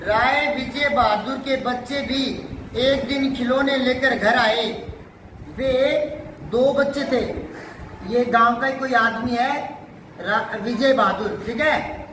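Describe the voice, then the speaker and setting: A man's voice: very high voice, fairly even intonation, slow pace, sharp tone. A man teaching a Hindi story to a class, often asking the pupils whether they have understood. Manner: questioning, keeps checking pupils follow. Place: classroom with a board. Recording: echoey room, far from mic, background noise.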